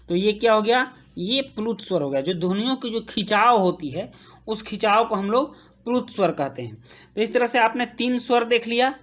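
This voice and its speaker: A woman teaching a grammar lesson, slowly repeating each term as she writes and checking in with her students. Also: medium pitch. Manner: slow, repeats terms while writing, checks in with "ठीक".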